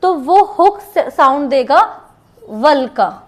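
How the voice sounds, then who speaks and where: High-pitched woman, unhurried shorthand teacher who repeats each example. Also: animated. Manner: slow, repeats each example word twice. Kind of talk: classroom lesson with board writing.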